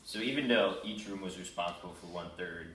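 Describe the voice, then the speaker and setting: A man's voice: sits low, a little fast, a bit bright, slight background noise. A young man testifying as a witness in an improvised mock trial, hesitant and full of fillers. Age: young adult. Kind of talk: improvised comedy sketch. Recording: roomy echo, distant mic.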